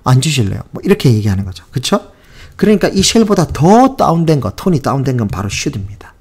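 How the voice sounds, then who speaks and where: A man's voice: fairly high pitch, very animated, normal speed, darkish tone, breathy edge. Passionate Korean man teaching grammar. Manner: passionate, exasperated, mixes English phrases. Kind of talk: casual spoken lesson.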